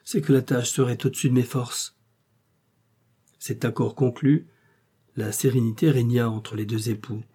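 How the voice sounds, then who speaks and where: Dark, husky male audiobook narrator. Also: medium pitch. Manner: steady, measured reading. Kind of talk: scripted narration of a classic novel.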